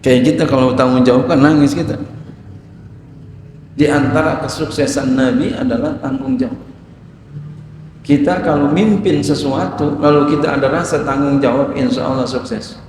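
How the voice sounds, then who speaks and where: A male religious teacher giving a study lecture, reading Arabic phrases and then explaining them in a lively, casual way with jokey asides. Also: medium pitch, moderate pace. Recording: very echoey hall, faint noise.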